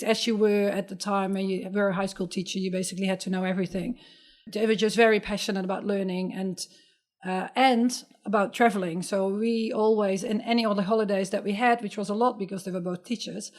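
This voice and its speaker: A middle-aged woman from the Netherlands with a Dutch accent, telling her life story as a podcast guest in an earnest, reflective way. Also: medium pitch. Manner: earnest, reflective, with light laughs and restarts. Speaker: podcast guest, sustainability entrepreneur. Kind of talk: conversational interview storytelling.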